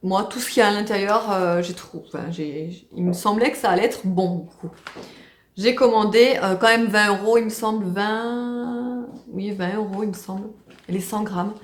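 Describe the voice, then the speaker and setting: A woman's voice: mid-range voice, normal speed. Chatty woman vlogging in an echoey room. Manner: chatty, many fillers and restarts, fond baby talk to pets and baby. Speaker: family vlogger. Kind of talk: casual home vlog, talking to camera. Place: at home.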